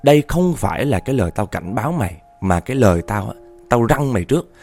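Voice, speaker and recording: A man's voice: mid-range voice, big pitch swings, fast talker, a little mellow, faint music behind. A man voicing a fierce old grandfather who warns in a stern, commanding way.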